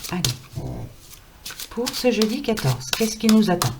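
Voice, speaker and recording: A woman's voice: on the high side, very animated, measured pace. A French woman giving a casual card reading, chatty and reassuring, with a scratchy throat and a fading voice. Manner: chatty, reassuring, many fillers. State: scratchy throat, losing her voice. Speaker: card reader. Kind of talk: casual tarot reading to camera.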